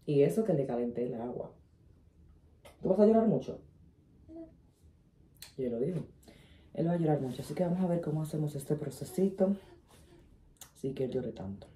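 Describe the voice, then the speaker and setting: Young mom vlogger, lowish voice, casual home video with faint background hiss. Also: female voice, expressive, fairly quick, mellow. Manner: chatty, talks to baby in a high cooing voice. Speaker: mother vlogging her baby's routine. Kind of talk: casual vlog narration. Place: home nursery, indoors.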